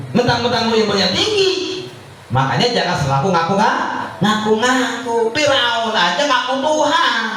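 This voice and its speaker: A male preacher with giving a humorous sermon, chuckling as he tells a story and chanting Arabic phrases slowly, recorded in a large, echoey hall from far off. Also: extremely high pitch, bright, forceful tone, a little hiss or hum.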